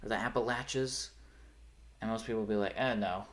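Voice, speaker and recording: Talking fairly quickly in a lowish register, this young live streamer has a faint rural Pennsylvania accent. His casual chat rambles, he corrects himself, and he frequently trails off before starting his sentences over.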